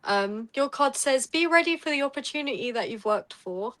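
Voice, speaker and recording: Woman, Essex English accent, soft calming voice, fairly high pitch, casual podcast chat. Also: moderate pace, low-quality recording. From England. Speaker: psychic guest.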